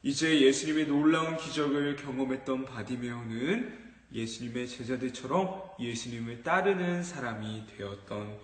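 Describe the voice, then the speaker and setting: A man teaching children, telling a story in an animated sermon and often asking the children questions. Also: mid-range voice, normal speed. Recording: echoey hall with long reverb.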